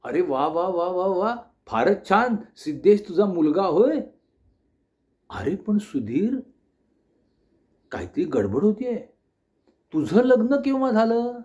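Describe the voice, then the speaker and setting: A man voicing a gentle, forgetful elderly aunt in an audio story, drawing out her words and teasing softly. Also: high-pitched, very animated, slow pace, pauses often, full character voice. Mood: cheerful, puzzled. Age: older.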